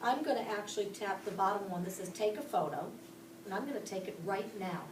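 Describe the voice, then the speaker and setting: Here a woman from Pittsburgh, Pennsylvania gives classroom instruction, explaining every step and putting questions to the kids. Her mid-range voice is animated and a little fast over a noisy background, captured distantly by a camera across the echoey room.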